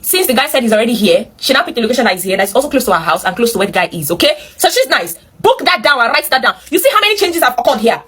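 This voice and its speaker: Racing along with few pauses, a Nigerian-accented woman speaks in a fairly high, fairly bright, slightly rough voice with big pitch swings. She's the host, reading and reacting to a viewer's story. Her telling is animated and emphatic, studded with opinionated commentary for the audience.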